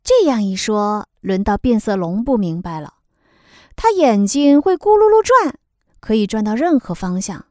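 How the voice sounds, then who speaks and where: A woman narrating a children's animal story in a lively, expressive way. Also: mid-range voice, normal speed, no room sound, clean studio sound.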